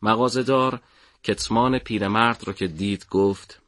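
A man narrating a story for an audiobook in a measured, dramatic way. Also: on the low side, steady tone, fairly bright tone, no room sound, studio quality.

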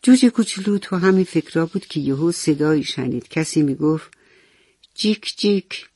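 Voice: mid-range voice, lively intonation, dark tone, no room sound. A storyteller narrating a children's story, speaking directly to the young listeners and asking them questions.

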